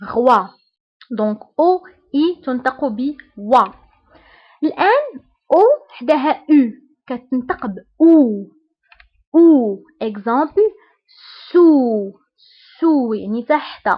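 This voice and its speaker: A woman with a Moroccan Arabic accent teaching a beginner French lesson, patient and repeating each sound slowly. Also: high voice, highs cut off.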